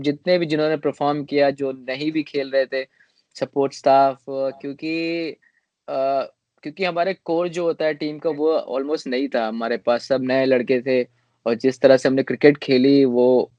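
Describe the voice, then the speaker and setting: Male cricketer in his 20s, interview guest, halting delivery with fillers, dry lo-fi recording. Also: mid-range voice, darkish tone, no echo. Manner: hesitant, many fillers and restarts. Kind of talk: casual interview answers.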